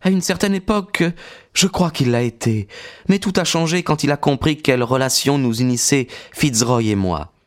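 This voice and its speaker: A man's voice: medium pitch, moderate pace, pitched above the performer's own voice, close to an everyday voice. A man voicing a proud, composed young woman who speaks firmly and earnestly in an audiobook story. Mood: guarded. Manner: firm, dignified, earnest.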